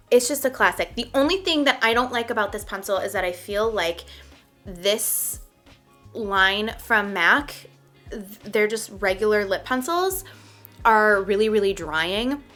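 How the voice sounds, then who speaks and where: A young woman talks through her favorite products in a loose, chatty way, leaning on filler words as she goes. Her voice sits at an ordinary middle pitch with a bright, forward edge. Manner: chatty, many "like" and "um" fillers, light laughs. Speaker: beauty vlogger. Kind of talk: casual product review chat.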